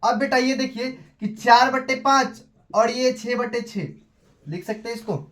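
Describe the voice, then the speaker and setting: A man's voice: very high voice, measured pace, fairly bright tone. A young man with a Bihari accent teaching maths in a live class, chatty and scolding, calling his students beta. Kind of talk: casual Hindi live class.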